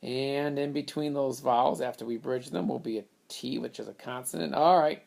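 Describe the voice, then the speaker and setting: A man's voice: medium pitch, normal speed, gravelly, darkish tone. A man teaching a reading lesson, patiently explaining step by step how to split words into syllables. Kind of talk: phonics lesson at a whiteboard.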